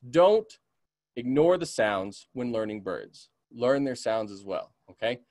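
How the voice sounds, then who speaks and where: Speaking a little slowly in a mid-range, darkish voice, a man from the American West animatedly teaches a beginners' webinar on bird identification. He's a community naturalist who keeps checking in with "okay?" and doing bird calls. The recording is dry.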